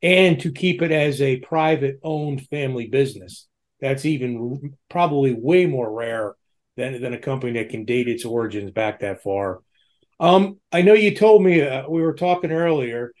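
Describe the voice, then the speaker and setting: Man, medium pitch, podcast host, casual wordy interview chat.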